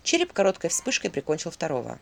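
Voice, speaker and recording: A woman narrating a spoken folk tale with an expressive, vivid storyteller manner. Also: on the low side, fast talker, vocal fry. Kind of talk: dramatic story reading.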